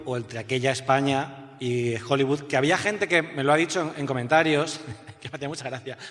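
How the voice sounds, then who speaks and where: Before a live audience on stage, a podcast host tells anecdotes and laughs at his own stories. His voice is medium-pitched and fairly bright, with fairly even intonation and a slightly fast pace. The hall gives a long reverb.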